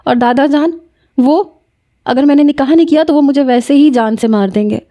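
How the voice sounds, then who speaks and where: Scared young student girl, played by a woman narrator, pleading, pitched up, mellow. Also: dry recording, lightly acted. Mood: tearful pleading. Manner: pleading, breathless, higher voice. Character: frightened young female student, tearful.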